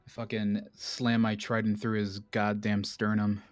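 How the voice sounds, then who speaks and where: A blunt man with a fairly low voice plays his turn in a tabletop game. He swears freely and talks his options over out loud. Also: completely flat delivery, measured pace. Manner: blunt and profane, thinking aloud. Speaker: player. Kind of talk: casual tabletop game play.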